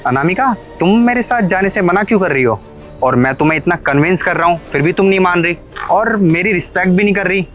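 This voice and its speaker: An earnest young husband in a cartoon story, voiced by a man, pressing his wife with questions and growing suspicious. His voice sits a little high, with quiet music running underneath. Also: quick pace. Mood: pleading. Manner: pleading, questioning, accusing. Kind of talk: Hindi cartoon story dubbing.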